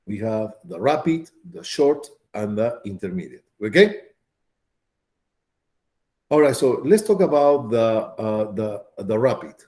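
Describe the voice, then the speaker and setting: Mellow-voiced man lecturing a class. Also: fairly low pitch, lively intonation, unhurried. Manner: repetitive, checks in with students often. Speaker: pharmacology lecturer.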